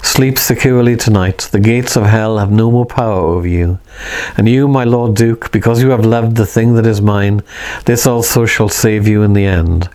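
A man reading the part of a calm, mysterious young man who speaks gently and solemnly. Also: fairly low pitch, moderate pace, lightly acted. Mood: serene.

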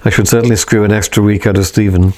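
A man reading a lively, friendly gentleman who speaks briskly and cheerfully. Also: fairly low pitch, close to an everyday voice.

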